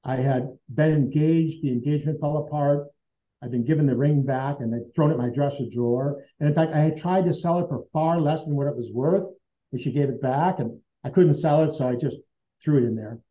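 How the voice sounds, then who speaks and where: A man's voice: fairly high pitch, fairly quick. A man being interviewed as a guest, telling a personal story in an earnest, conversational way and acting out remembered dialogue. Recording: dull lo-fi sound.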